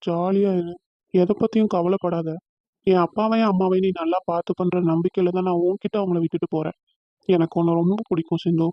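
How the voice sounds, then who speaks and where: A man's voice: high-pitched, no echo, dull audio. A man voicing an earnest, tender young man in a cartoon.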